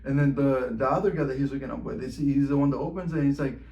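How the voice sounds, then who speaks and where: A man's voice: mid-range voice, quick pace, dark tone, echoey room, lo-fi sound. A man telling a personal story in a loose, slangy way, peppered with "like" and "bro" and plenty of swearing. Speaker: vlogger. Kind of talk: casual storytime monologue.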